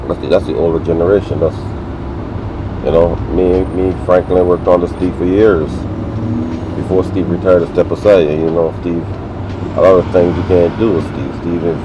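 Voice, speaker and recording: A Barbadian man from Barbados, a construction worker talking casually in an interview, animated and repetitive, outdoors on a city work site. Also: deep voice, noisy background. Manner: animated, repetitive, laughs while telling stories.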